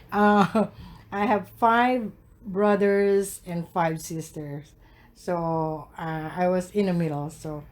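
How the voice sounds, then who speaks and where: In an oral history interview, a Filipino man in his sixties with a Filipino accent answers hesitantly, filling pauses often. His voice is high and his tone steady.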